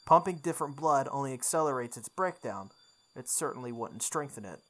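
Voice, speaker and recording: An animated, fairly quick delivery at medium pitch with a fairly bright tone comes from a playthrough host dramatically reading visual novel narration. Game music runs behind the voice.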